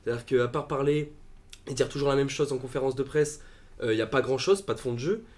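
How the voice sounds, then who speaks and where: Male football pundit, mid-pitched, halting delivery full of "euh", live-stream chat. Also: darkish tone. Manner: hesitant, many fillers and restarts. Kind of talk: casual live-stream discussion.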